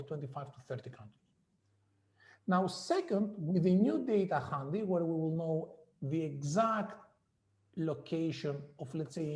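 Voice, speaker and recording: A man, an economics professor, explaining his research in a measured interview manner with frequent fillers. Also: on the high side, darkish tone, roomy sound. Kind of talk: academic interview.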